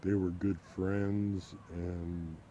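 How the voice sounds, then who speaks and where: Man, electronically disguised voice, deep, very dark, flat, hesitant, dull audio with faint hiss. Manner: hesitant, halting with fillers. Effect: voice electronically disguised, lowered and darkened. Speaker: anonymous witness. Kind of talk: interview answers.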